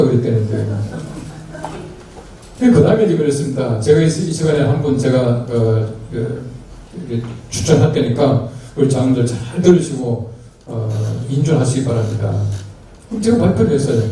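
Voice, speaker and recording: An older man in his sixties, a pastor, telling a church story in a relaxed sermon style and acting out the dialogue. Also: medium pitch. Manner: storytelling, acts out dialogue, chuckles. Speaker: pastor giving a lecture. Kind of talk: anecdotal sermon talk. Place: large hall at a retreat. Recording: distant mic in a very echoey hall, faint noise.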